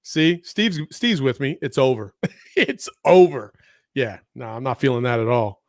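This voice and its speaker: Animated laughing man in casual chat. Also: mid-range voice, measured pace, no echo, clean studio sound. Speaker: podcast co-host.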